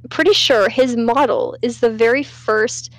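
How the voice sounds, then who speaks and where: A woman's voice: on the high side, normal speed, no room sound. A woman hosting a let's play, chatting in a rambling way with lots of fillers and restarts. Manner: rambling, with many fillers and self-corrections. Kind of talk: casual game commentary.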